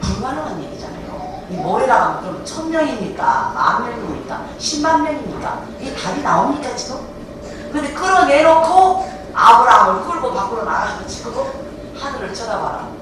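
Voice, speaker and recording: A woman pastor preaching a sermon in a lively, animated way, laughing often and acting out biblical voices. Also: fairly high pitch, moderate pace. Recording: echoey hall, voice from far off, faint noise.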